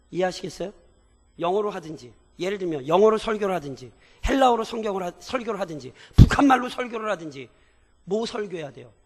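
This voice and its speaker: A male pastor preaching a sermon, often asking the congregation rhetorical questions and building to emphatic shouts. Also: extremely high pitch. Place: church sanctuary. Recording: church sermon with long reverb.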